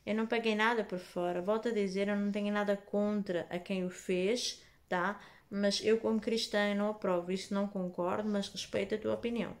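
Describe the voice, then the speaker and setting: A woman with a European Portuguese accent, telling a personal faith testimony in a casual, animated vlog, acting out the dialogue. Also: fairly quick. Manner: animated, acts out dialogue in lowered voices.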